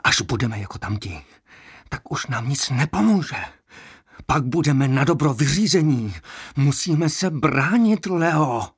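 A man voicing a starving, stubborn male prisoner who speaks urgently and in hushed tones. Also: mid-range voice, lively intonation, husky, dry recording, studio quality, pitched above the performer's own voice.

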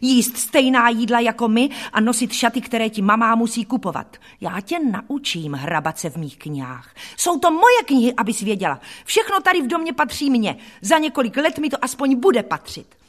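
A woman voicing a spoiled, cruel boy who taunts and shouts, in an audiobook reading. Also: low-pitched, big pitch swings, hardly any pauses, husky, pitched below the performer's own voice, full character voice. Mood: scornful.

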